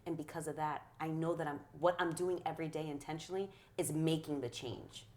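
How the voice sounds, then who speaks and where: A woman's voice: sits low, steady tone, brisk, a little mellow. A middle-aged woman, a guest speaker in an interview, talking in a passionate, affirming way with a preacher-like rhythm. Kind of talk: conversational interview.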